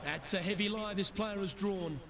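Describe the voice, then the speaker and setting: A man's voice: sits high, normal speed. A man voicing an upbeat TV golf commentator in a video game, calling polished play-by-play. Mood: composed, engaged. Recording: crowd and outdoor noise behind. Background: golf crowd and outdoor ambience.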